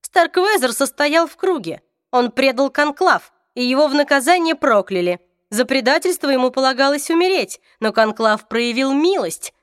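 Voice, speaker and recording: An arrogant young man barks out his cold accusations, as a woman reader puts him on. His voice sits high and tight. The reading is close and dry, with no room around it. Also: lively intonation, normal speed, no echo. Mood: scornful. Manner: loud, cold and self-righteous.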